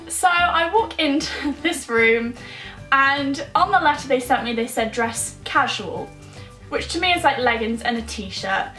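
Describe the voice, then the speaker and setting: A young woman tells a self-deprecating story in a high, bright voice. She is animated and conversational, recorded in an echoey room with faint music. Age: young adult. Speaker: vlogger. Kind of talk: comic personal storytelling to camera.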